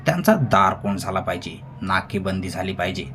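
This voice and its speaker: A man reading a story aloud in a measured, grave narrating manner. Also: low-pitched, lively intonation, sharp tone, a little hiss or hum.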